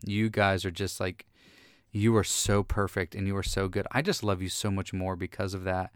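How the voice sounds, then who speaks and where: A man plays God as a fond father who lowers his voice and hushes it while he gushes over his favorite child. The sound is dry and close. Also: fairly even intonation, moderate pace, clear, resonant tone, dry recording, natural voice. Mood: doting.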